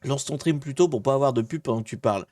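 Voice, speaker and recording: A man of ordinary pitch hosts a casual live-stream tutorial. He talks in a jokey, chatty way and greets his viewers. The sound is dry and close. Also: quick pace, darkish tone, no echo.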